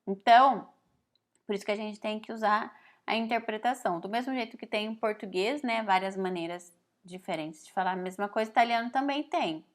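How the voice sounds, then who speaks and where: A woman from Brazil teaching Italian in a relaxed spoken lesson, explaining slowly, reading phrases aloud and often adding "né?". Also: medium pitch. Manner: frequent "né?" tag questions.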